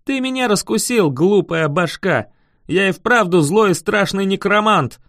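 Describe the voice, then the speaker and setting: A man's voice: high voice, animated, a little slow, fairly bright tone, dry recording, clean studio sound, pitched above the performer's own voice, heavily acted. A man voicing a cocky young wizard who protests indignantly and blusters threats. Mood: mock-menacing. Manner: indignant, mock-menacing bluster.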